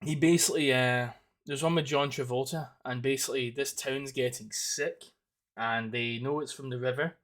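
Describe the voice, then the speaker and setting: A man's voice: mid-range voice, fairly even intonation, normal speed, a bit bright. A young man hosting a podcast in casual chat, swearing freely and breaking into goofy voices. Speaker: podcast host.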